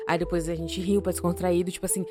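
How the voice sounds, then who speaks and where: A woman's voice: fairly low pitch, music in the background. A young woman with a Brazilian accent, co-hosting a podcast and telling a story in a casual, slangy, swearing way. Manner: animated, slangy and profane, quick shifts in loudness. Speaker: podcast co-host.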